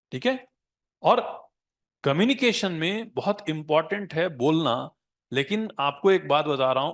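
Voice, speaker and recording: Male teacher, slightly high voice, coaching tone, switches between Hindi and English. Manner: mixes Hindi with English phrases; coaching, asks "है ना?" to check in. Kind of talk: live class lecture.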